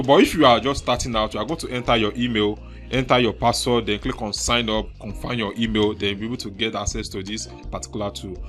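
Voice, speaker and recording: A chatty man with a Nigerian accent hosts a screen-recorded software tutorial, leaning heavily on fillers such as "so" and "actually." His voice sits in the mid range.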